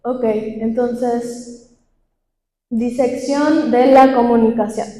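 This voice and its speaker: Young female workshop speaker, chatty teaching style with questions to the room, high mellow voice. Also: fairly even intonation, drawn-out words. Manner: conversational teaching with questions to the audience. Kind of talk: talk to a live group. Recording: echoey hall with long reverb.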